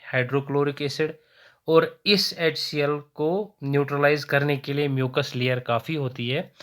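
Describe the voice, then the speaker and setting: Bright-voiced male biology teacher. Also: mid-range voice. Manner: explanatory, mixes English terms and phrases into Hindi; repeats key terms, self-corrects. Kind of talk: exam-prep biology lecture.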